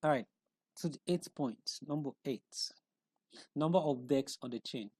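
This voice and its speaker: A man talks viewers through an on-screen walkthrough in a mellow, relaxed tone, recorded close and dry. He stops and restarts often, repeating words as he hunts for the next phrase. He checks in with rhetorical questions as he explains. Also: mid-range voice, measured pace, breathy edge, no room sound. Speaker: presenter of an online explainer.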